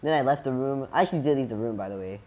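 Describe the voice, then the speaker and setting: Rambling young podcast host, self-mocking. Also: male voice, medium pitch, expressive, racing, a little mellow. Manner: rambling, self-mocking, talks over bits. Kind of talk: casual podcast chat.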